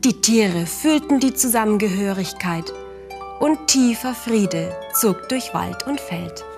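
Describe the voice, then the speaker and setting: Gentle woman reading a children's story. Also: mid-range voice, takes it slowly, over music. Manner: gentle, calm, addresses children. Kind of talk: scripted narration of a children's story.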